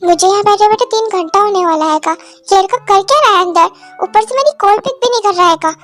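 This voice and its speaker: A woman's voice: very high voice, fast, fairly bright tone, soft background music. A woman voicing a bossy, impatient young woman who scolds and makes demands in a fan dub. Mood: fed up. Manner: imperious, scolding.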